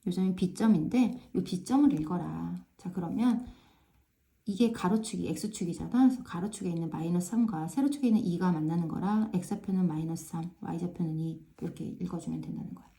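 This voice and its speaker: Casting: woman math tutor, low-ish, very mellow tone, casual chatty lesson, keeps checking in with students. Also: moderate pace, gravelly. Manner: frequent tag questions checking understanding; repeats filler "ja" to pace steps. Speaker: math teacher.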